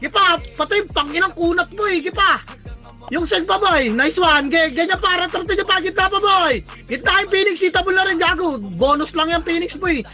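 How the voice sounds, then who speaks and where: A player calling shots in live esports team comms, barking rapid callouts, counting down and cursing often. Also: very high-pitched, pushed and bright, faint music behind. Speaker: team shot-caller.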